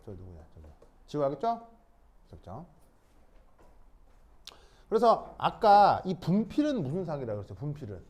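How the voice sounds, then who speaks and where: A male chemistry teacher lecturing to a class with a high, lively voice that swoops up and down. He talks casually and keeps asking his students whether they follow, now and then slipping in English words. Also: normal speed, long pauses. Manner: checks understanding with repeated questions.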